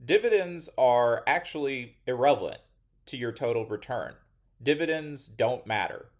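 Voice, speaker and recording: A man hosting an investing channel, giving measured, critical finance commentary in a scripted style. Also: medium pitch, lively intonation.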